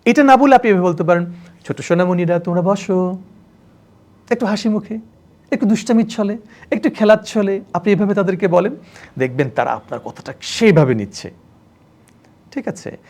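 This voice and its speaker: A man lecturing trainee teachers, animated, acting out examples in changing tones and mixing in English words. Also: high-pitched, normal speed. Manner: religious phrases and English words mixed in.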